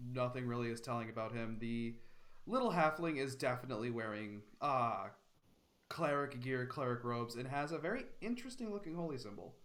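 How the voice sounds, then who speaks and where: Brief: male game master narrating a tabletop session, halting delivery, mid pitch. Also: fairly bright tone. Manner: hesitant, many fillers.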